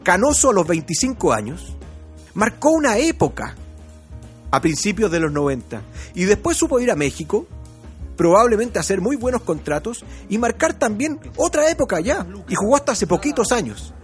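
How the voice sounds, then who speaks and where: A man's voice: high voice, sing-song, moderate pace, faint music behind. A man with a Chilean accent talking football nostalgically, with enthusiastic exclamations and firm opinions. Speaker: football show presenter.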